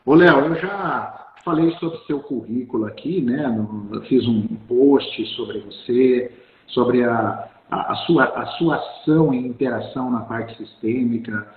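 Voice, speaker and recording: A man hosting a live interview, talking warmly and effusively with lots of halting restarts. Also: mid-range voice, phone-quality sound. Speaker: host. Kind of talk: live video-call interview. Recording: roomy, echoey sound.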